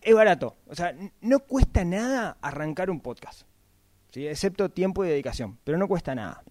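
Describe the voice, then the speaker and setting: A man, giving a casual, chatty talk about podcasting and often tagging his points with quick questions. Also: high voice, lively intonation, darkish tone, no room sound. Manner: chatty, frequent tag questions.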